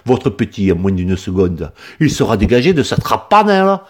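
A man's voice: fairly low pitch, very animated, normal speed, slightly rough. A man voicing a brash, plump farmer from the south of France with a strong southern French accent and a boisterous way of exclaiming.

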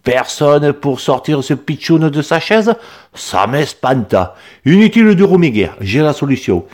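A man's voice: on the high side, very animated, unhurried, darkish tone, voice pushed up. A man voicing a brash, plump farmer from the south of France with a strong southern French accent and a boisterous way of exclaiming.

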